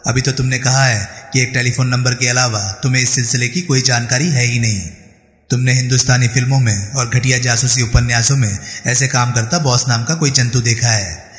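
A man's voice: medium pitch, a bit bright, close to an everyday voice. A man voicing a mocking, commanding male investigator. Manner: scornful, then sweetly condescending. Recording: roomy reverberant room, faint music.

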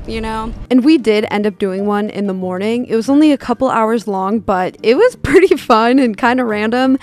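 A young woman narrating a casual travel vlog, chatty and candid, with plenty of "like" and "you know". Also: a little high. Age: young adult. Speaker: travel vlogger. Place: cabana day bed on a beach, outdoors.

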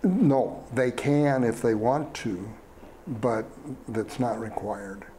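A man, speaking slowly with many fillers and restarts as a fair superintendent in a studio interview. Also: medium pitch, warm tone, slight background noise. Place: small TV studio. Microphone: lapel mic.

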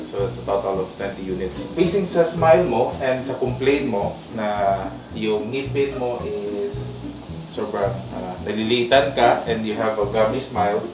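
A dentist with a Filipino accent, talking through a face mask as he explains a procedure to a patient, pausing often to search for words. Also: lowish voice. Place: dental clinic room. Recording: roomy, distant mic with music behind.

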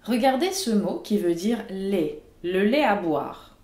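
A woman teacher giving a scripted pronunciation lesson, with clear and emphatic explanations. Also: mid-range voice, lively intonation, slow pace, darkish tone, reverberant. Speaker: Russian language teacher.

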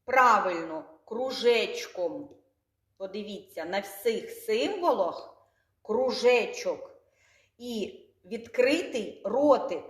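A woman kindergarten teacher with a Ukrainian accent, speaking slowly and clearly, drawing out sounds and repeating words for the children to echo. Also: medium pitch, expressive. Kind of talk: slow, clearly articulated lesson for small children.

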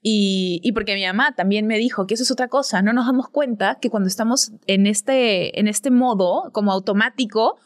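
Una joven de unos veinte años que conduce un pódcast y conversa de forma casual, contando historias con diálogos actuados. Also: female voice, mid-range voice, moderate pace, few pauses. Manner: chatty storyteller, acts out quoted dialogue. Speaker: podcast host.

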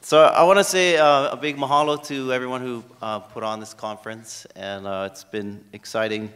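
A middle-aged man with a Hawaiian accent speaks at a podium in a university lecture hall. His voice sits at a middle pitch, and his talk is relaxed and full of ums. A long reverb trails his words through the room. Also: normal speed. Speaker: history professor giving a talk. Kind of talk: conference lecture. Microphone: podium microphone.

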